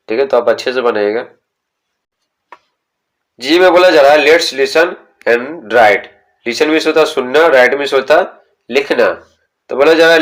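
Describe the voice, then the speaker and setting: Male teacher explaining a textbook, reads English lines slowly, asks and answers his own questions. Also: mid-range voice. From India. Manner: slow, deliberate reading of English sentences, then explaining them; asks the students questions and answers them himself.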